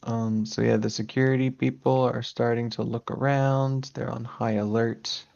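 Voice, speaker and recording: A man narrating as game master of a tabletop game, halting and full of ums and uhs. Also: mid-range voice, flat delivery, gravelly, darkish tone, lo-fi sound.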